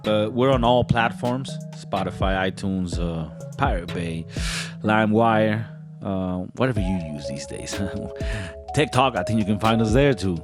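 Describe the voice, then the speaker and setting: Joking podcast host over background music. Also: male voice, lowish voice, a little slow. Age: 30s. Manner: playful, rambling, hams up voices. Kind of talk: joking comedy podcast chat.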